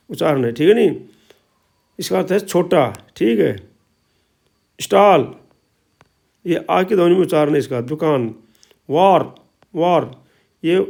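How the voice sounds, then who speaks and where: A man teaching pronunciation, explaining slowly and repeating each sound many times. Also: sits high, vocal fry, warm tone. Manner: slow, repetitive explaining with drawn-out sounds. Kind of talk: spoken language lesson.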